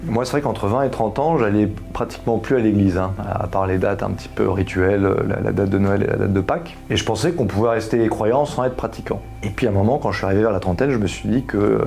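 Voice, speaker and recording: A man's voice: fairly low pitch, vocal fry, warm tone. A man in his thirties giving an earnest personal testimony, explaining his views with homely comparisons. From France. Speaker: husband giving a faith testimony.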